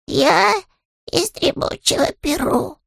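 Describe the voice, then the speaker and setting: A woman's voice: high voice, takes it slowly, vocal fry, dry recording, clean studio sound, voice pushed up, full character voice. A woman voicing a small, polite young male bear who is earnest and a little bewildered.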